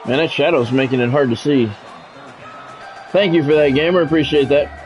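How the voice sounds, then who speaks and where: A man streams live as a game streamer calling play-by-play, moving between clipped, announcer-style calls and casual chat with viewers over music. His voice is fairly high and moderately paced, and the audio quality is poor.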